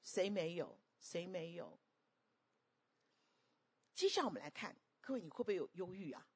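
A woman preaching a sermon, animated and constantly questioning the congregation. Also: lowish voice, normal speed, husky.

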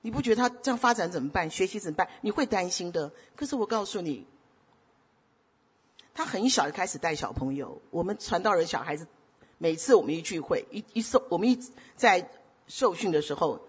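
A middle-aged woman preaching a sermon. She keeps asking the congregation rhetorical questions and swings between loud exhortation and soft storytelling. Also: on the low side, lively intonation, a little fast, husky.

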